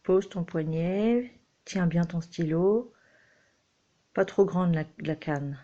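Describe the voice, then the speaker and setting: Mother-teacher, gentle and instructive, talking slowly, low-fi home audio. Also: highs cut off. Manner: patient, coaxing, instructive. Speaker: homeschooling mother. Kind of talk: reading lesson with a child.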